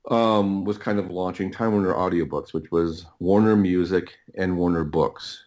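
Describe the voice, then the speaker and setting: His deep, darkish voice keeps a fairly even intonation as he, a middle-aged writer and audio producer, tells casual stories as a podcast interview guest. The anecdotes ramble, with halting repetition and frequent self-interruptions and backtracking.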